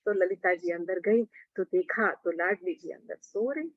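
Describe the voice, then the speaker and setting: A woman telling a devotional story in an animated way, narrating between character voices. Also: fairly low pitch, normal speed, no echo. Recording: dull lo-fi recording.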